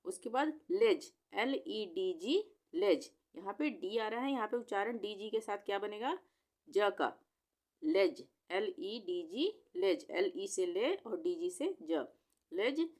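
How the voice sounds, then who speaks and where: A woman's voice: medium pitch, lively intonation, slow, darkish tone. A woman teacher patiently sounding out long words letter by letter in a spelling lesson.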